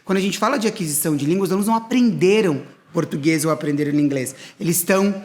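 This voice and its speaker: A middle-aged man with a fairly high, racing voice hosts a school podcast as its academic director. In a conversational interview, he explains ideas step by step, building each point on the last.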